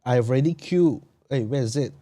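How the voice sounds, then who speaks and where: A man's voice: medium pitch, fairly quick, warm tone, no room sound. A Malaysian man hosting a podcast, chatting casually in Malaysian English slang with particles like lah and meh. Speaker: podcast host. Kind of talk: casual chat.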